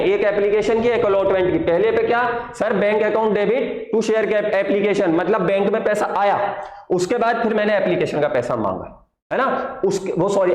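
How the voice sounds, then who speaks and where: A male accounts teacher giving a patient classroom lecture. He asks questions and answers them himself, and slows to dictate word by word. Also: high voice. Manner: patient, calls students "my child". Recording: echoey room with long reverb.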